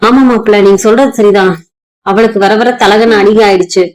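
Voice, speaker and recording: A woman's voice: medium pitch, fairly even intonation, normal speed, lightly acted, low-quality recording. A woman voicing a stern older father-in-law who reproaches his daughter-in-law in a storybook retelling.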